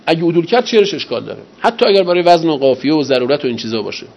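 Lecturing man, questions to class. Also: gravelly. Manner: asks rhetorical questions and answers them himself; lively pitch and loudness, slows for emphasis. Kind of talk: university lecture on rhetoric. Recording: slightly dull, faint ambient noise.

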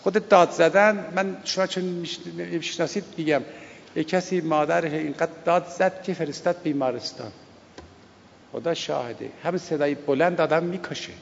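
Male preacher, gravelly and a bit high, who slowly chants the prayer and then explains it conversationally, on a dull recording. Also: slight background noise. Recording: lo-fi recording with long hall reverb.

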